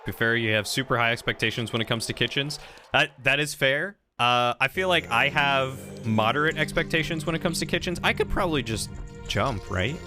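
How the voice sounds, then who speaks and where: A young man in relaxed, chatty conversation with his stream viewers, reading their messages aloud in an average-pitched voice. He talks from a home streaming setup while video game music plays steadily underneath. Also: brisk. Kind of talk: casual let's-play chat.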